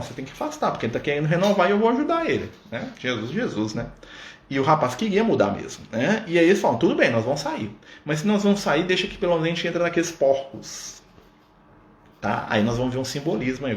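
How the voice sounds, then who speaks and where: A man leading a casual Spiritist study on a live stream, talking conversationally and often adding "né?" and "tá?". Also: medium pitch. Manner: conversational, full of "né?" and "tá?" asides. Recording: roomy sound with faint background noise.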